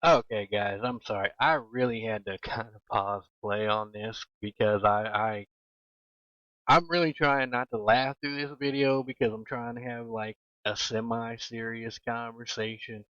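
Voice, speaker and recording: A man's voice: medium pitch, steady tone, measured pace, fairly bright tone, no echo, muffled recording. A man giving casual gameplay commentary as a gaming YouTuber, ranting in an exasperated tone and repeating his points for emphasis.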